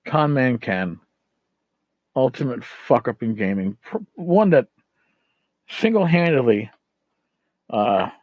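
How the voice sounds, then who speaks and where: A middle-aged tabletop gaming podcast host rambles through a casual rant in a mid-range voice, blunt, exasperated and swearing freely. The recording is dry with no room sound, and the highs are cut off.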